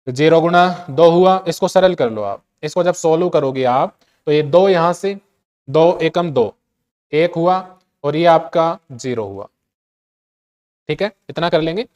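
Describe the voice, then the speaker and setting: Clear-voiced Hindi-speaking male chemistry teacher. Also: a little high, lively intonation, measured pace, a little mellow. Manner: repeats key points, quizzes students with rhetorical questions. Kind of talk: classroom lecture.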